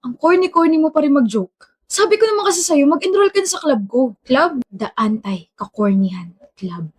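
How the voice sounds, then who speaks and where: A woman acting out a romantic skit dialogue, playful and teasing, switching between Tagalog and English. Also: sits high.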